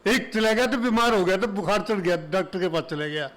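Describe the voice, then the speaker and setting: A man's voice: sits high, a little fast, fairly bright tone, poor audio. A man from Haryana with a Haryanvi accent, telling folksy jokes and humorous verse to an audience in an auditorium, speaking into a stage mic. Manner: folksy, chatty joke-telling in Haryanvi dialect. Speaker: comic poet performing on stage. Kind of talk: stand-up humorous storytelling and verse. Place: auditorium before a live audience.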